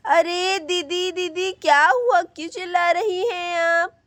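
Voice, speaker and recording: A woman voicing an eager young sister-in-law who exclaims with excitement. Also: extremely high pitch, slow, no echo, heavily acted.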